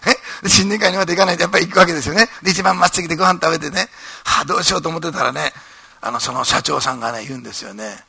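A man preaching a sermon, telling a story in an animated way and tagging his phrases with "ne". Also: fairly high pitch, rapid-fire, vocal fry, husky, dry recording. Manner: animated storytelling, frequent ね tags. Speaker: pastor.

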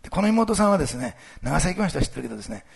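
A man speaking as a pastor, giving a casual, lively sermon with church announcements and plenty of fillers. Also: a little high, very fast. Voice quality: gravelly, husky voice. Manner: lively, animated delivery with many fillers.

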